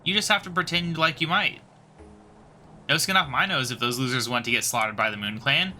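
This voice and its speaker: A man's voice: mid-range voice, a little fast, bright, forceful tone, faint music behind. A man voicing a rude, greedy male pirate in a game playthrough, sneering and insulting. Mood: scornful.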